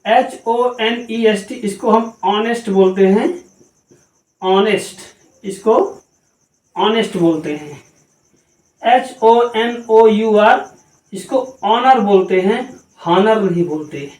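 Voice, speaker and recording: A woman's voice: medium pitch, takes it slowly, pauses often, a little mellow, recorded from a distance. A woman teaching a pronunciation lesson, spelling words out letter by letter and asking and answering her own questions. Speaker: English teacher. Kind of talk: slow spelling-out grammar lesson. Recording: echoey room, voice from off-mic.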